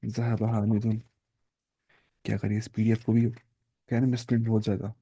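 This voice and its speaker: A man teaching an online Arabic grammar lesson. He explains step by step, asks the class questions and answers them himself, mixes in English terms and reads Arabic words slowly. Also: fairly low pitch, flat delivery, mellow, breathy edge.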